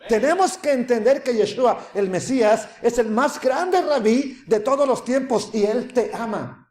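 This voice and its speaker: A man delivers a sermon. He preaches dramatically, moving from loud calls to near-whispered asides. The room around him is echoey. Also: extremely high pitch, unhurried. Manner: dramatic, acts out quoted voices, swings from loud to hushed.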